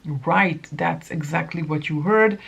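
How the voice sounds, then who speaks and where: Here the same kind of fifties-aged makeup host speaks slowly in a low, gravelly voice with a breathy edge. She chats with viewers while putting on makeup, often correcting herself, and the audio is dull and lo-fi.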